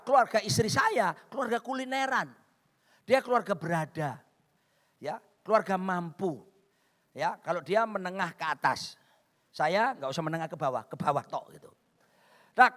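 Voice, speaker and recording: A middle-aged male pastor preaching with a high, bright voice that swings widely in pitch. He tells stories with humor and keeps calling out to the congregation. His voice rings with a long reverb from a large church hall. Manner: lively storytelling, addressing the congregation as "saudaraku". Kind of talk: sermon.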